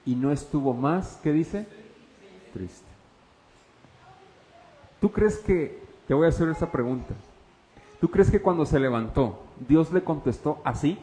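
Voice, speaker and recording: A man preaching a sermon as pastor, questioning the congregation and swinging from loud to hushed. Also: a little high, in a large hall, poor audio. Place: church.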